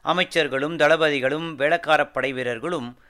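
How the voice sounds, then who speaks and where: A male narrator reading a historical novel aloud, measured and formal. His voice is bright and crisp, and a little higher than most men's.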